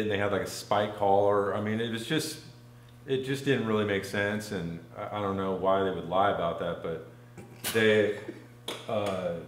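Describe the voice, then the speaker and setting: Rambling low-voiced man telling a story. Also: roomy sound. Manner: rambling, full of "like" fillers. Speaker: podcast guest. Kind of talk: casual storytelling.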